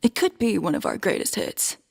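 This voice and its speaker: A woman's voice: mid-range voice, big pitch swings, brisk, vocal fry, heavy background noise. An actress playing a wry, grandiose teenage girl who narrates a video game in arch, dramatic phrasing. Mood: eager, scheming.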